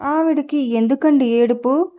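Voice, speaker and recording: Audio novel: woman voicing a fierce proud housewife, scolding and confrontational, high-pitched, lo-fi. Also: measured pace, dark tone. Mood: angry. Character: furious middle-aged wife, sharp-tongued, proud.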